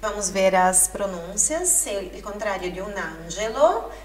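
A woman teaching Italian and reading lines aloud slowly, her voice sitting in the middle range for a woman. The sound is roomy and echoey, recorded from some distance, with a faint hum of ambience behind her. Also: mid-range voice, animated, darkish tone. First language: Portuguese. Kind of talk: language lesson. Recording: echoey room, mic at a distance.

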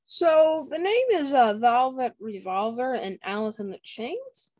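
Playful host: slangy, teasing interviewer, a bit high, dry sound. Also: female voice, animated, measured pace, a little mellow, dry recording. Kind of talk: casual interview chat.

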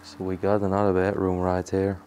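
A young man narrating an exploration vlog in an abandoned house, curious and hushed as he handles old objects. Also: low voice, monotone, fairly quick, a little hiss or hum. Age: young adult. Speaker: urban explorer.

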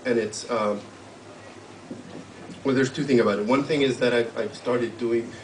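A man introducing his poem at a live reading, halting and searching for words as he explains it. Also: mid-range voice, steady tone. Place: live literary event hall. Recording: roomy, distant live mic with faint hum.

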